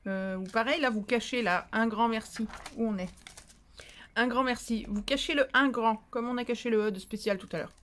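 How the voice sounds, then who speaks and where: A woman with a fairly high voice walks through a paper-craft demonstration. Her talk is loose and chatty, full of restarts and thinking aloud, with a playful streak that slips into silly asides. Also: moderate pace. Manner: chatty and rambling, thinking aloud while stamping. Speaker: paper-craft tutorial host.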